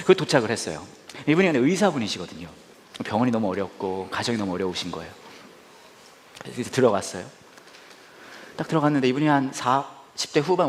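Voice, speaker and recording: Male preacher, mid-pitched, very animated story-driven delivery, laughs often, church service. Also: a little hiss or hum. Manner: animated, laughing, acts out dialogue. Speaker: pastor. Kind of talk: sermon with storytelling.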